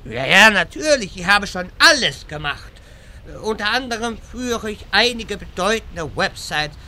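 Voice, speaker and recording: Fantasy comedy wizard: male actor, long-winded and self-important, piercingly bright, slow delivery, faint noise. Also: high voice, big pitch swings, exaggerated voice. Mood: chatty, self-important. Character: rambling pompous male wizard obsessed with portals. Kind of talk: scripted fantasy comedy dub.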